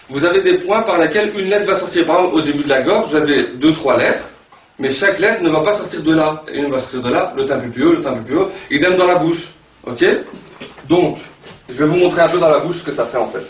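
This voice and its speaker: A man teaching an Arabic pronunciation class, animated and repeating sounds aloud to demonstrate them. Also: a little high, fairly quick. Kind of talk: classroom lesson. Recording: echoey room from far off, background noise.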